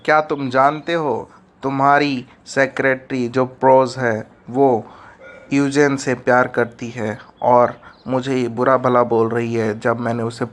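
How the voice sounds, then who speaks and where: A man's voice: medium pitch, close to an everyday voice. A man playing a meddling grumpy old man. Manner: threatening, tattling. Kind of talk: animated story voice-over.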